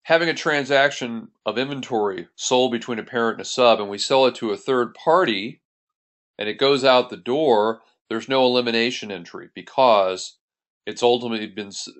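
With a slightly bright voice on the low side, a male accounting instructor methodically narrates a step-by-step tutorial. The audio is a voice-over recorded for a screen capture.

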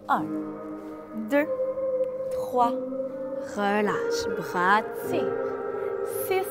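A woman dance instructor calling out moves and counts for a seated routine, cueing each step slowly and clearly. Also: a little high. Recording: long reverb with music behind. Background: music.

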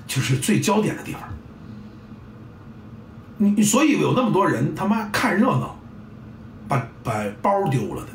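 Picked up by a distant mic in a roomy space with faint ambience and slight background noise, a middle-aged football coach speaks in a slightly high voice. He gives a casual, blunt and salty monologue, acting out sounds and scenes.

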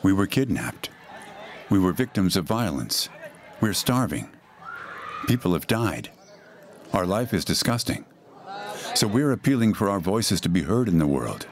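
Man's disguised, pitch-lowered deep voice. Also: a little slow, pauses often. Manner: flat, grim recounting of suffering. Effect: disguised deep voice, pitch-lowered to hide identity. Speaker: detained refugee. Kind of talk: voice message testimony.

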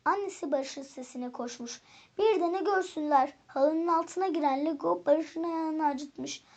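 A woman teacher reading a children's fairy tale aloud in calm, expressive storybook narration. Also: high-pitched, unhurried.

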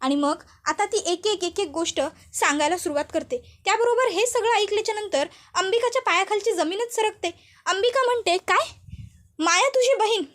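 Woman storyteller, very high voice, steady recap narration. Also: a little fast. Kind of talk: retelling a TV serial episode.

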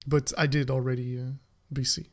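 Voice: mid-range voice, little pitch movement, moderate pace, gravelly, a little mellow. A game streamer giving casual, chatty commentary to viewers while playing, laughing often.

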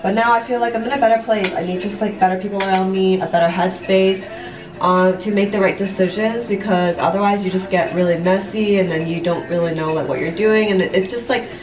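Steady in tone, medium-pitched and fairly quick, a late-twenties vlogger and online business coach talks candidly with viewers as she puts on makeup in her home bathroom. Her confessional chat rambles a bit, with many instances of "like" and "you know" and some swearing. The room echoes, and the camera mic is a step or two away.

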